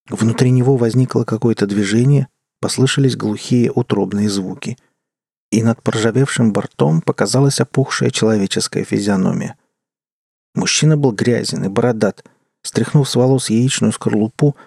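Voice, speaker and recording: A man reading a story aloud as an audiobook narrator, measured and even. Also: mid-range voice, gravelly, slightly rough, dry recording, studio quality. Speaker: audiobook reader. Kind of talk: scripted narration.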